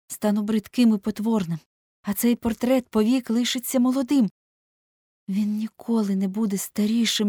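A woman's voice: medium pitch, mellow, slightly rough, no echo, studio quality, pitched above the performer's own voice. A woman reading aloud voices a vain, anguished young man who dreads growing old, in impassioned, pleading speech. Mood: despairing. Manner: impassioned, rising to pleading outbursts.

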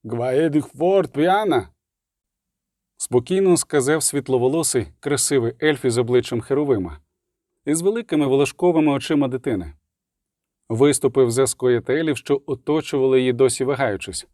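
A man reading an audiobook with steady, even storytelling. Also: medium pitch, a little fast, no echo, studio quality. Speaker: audiobook narrator. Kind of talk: audiobook narration.

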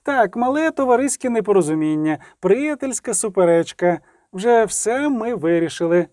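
A man's voice: high-pitched, animated, moderate pace, dry recording, studio quality, pitched above the performer's own voice. A man voicing a nervous male bard who soothes onlookers with a slightly trembling voice. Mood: placating.

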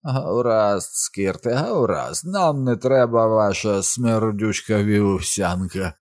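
A man's voice: fairly low pitch, normal speed, a little mellow, no echo, studio quality, lightly acted. A man doing a groggy wisecracking young man. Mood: drowsy. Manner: mumbling, coarse joking.

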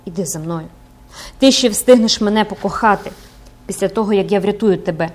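A woman's voice: mid-range voice, a little fast, natural voice. A tormented middle-aged priest pours out his obsession in a pleading, feverish voice, as a woman narrator reads him. He sounds desperate and consumed, straight out of an audiobook of a gothic novel. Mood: urgent. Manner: pleading, passionate. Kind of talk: audiobook character reading.

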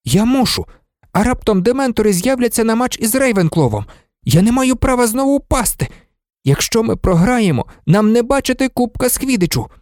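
A man voicing a brave, stubborn teenage boy wizard in a high, strained, urgent voice in an audiobook. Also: very animated, normal speed, darkish tone, no echo, clean studio sound. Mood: determined.

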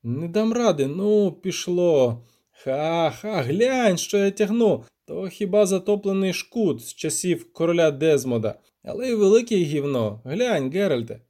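Bard voice for an audiobook: a man playing a boastful, excitable poet, pitched high and loud, with a swooping, lively delivery and a mellow tone. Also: a little slow. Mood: excited. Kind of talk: audiobook character voice.

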